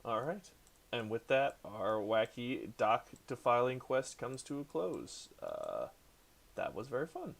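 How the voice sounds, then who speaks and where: A man's voice: medium pitch, sing-song, measured pace, gravelly. A man improvising narration as the game master of a tabletop role-playing game.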